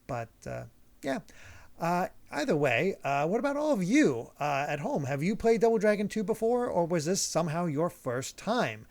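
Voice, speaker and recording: A man's voice: sits high, big pitch swings, normal speed, gravelly, a little mellow. A man hosting a casual gaming podcast, chatty and upbeat, laughing often. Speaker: podcast host.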